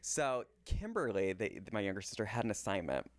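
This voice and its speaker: A man co-hosting a podcast, telling an animated story and acting out the people in it. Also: on the low side, a little fast, no echo. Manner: animated storyteller who acts out quotes. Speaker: podcast co-host. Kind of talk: casual chat.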